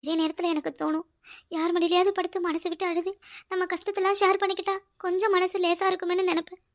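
High-pitched woman, tearful cartoon voice. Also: level tone, fast. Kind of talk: cartoon voice acting, several roles.

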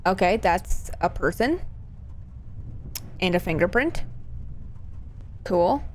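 A woman's rather low voice is animated yet unhurried as she casually streams a horror game over a little hiss or hum. Scared and nervous, she reacts with playful cursing, exclamations, and joking side remarks.

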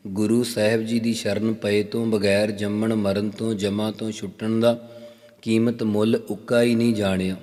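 A man gives unhurried, line-by-line scripture commentary in a low, level voice. He draws out each chanted verse before glossing its words. His voice carries a long reverb. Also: a little mellow. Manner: recites verses slowly, then explains each word. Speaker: scripture explainer.

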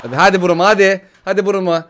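A man opening card packs in a football game, talking loudly and excitedly, often chanting, complaining and swearing in frustration. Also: high-pitched, very fast, faint music behind.

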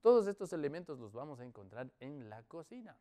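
A man with a Latin American Spanish accent teaching children English words, encouraging them and drawing out each word slowly for repetition. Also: on the high side. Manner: slow, drawn-out model pronunciation; lively, encouraging, repeats words.

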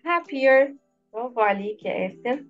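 A woman's voice: fairly high pitch, animated, normal speed, highs cut off, soft background music. A woman with an Egyptian Arabic accent teaching an English class online, patiently explaining and praising each pupil by name. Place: online video lesson.

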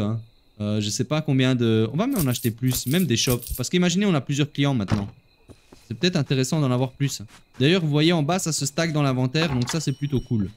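A man's voice: on the high side, a little hiss or hum. A man hosting a gaming video, chatting casually to viewers as he plays and laughing at himself. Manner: chatty, talks straight to viewers while playing. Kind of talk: casual gameplay commentary.

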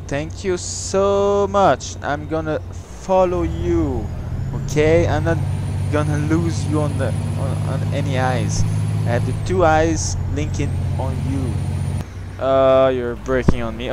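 A man's voice: medium pitch, measured pace, heavy background noise. A young man casually commenting on his truck-driving gameplay, rambling playfully and talking to the game as he drives. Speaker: gaming channel host.

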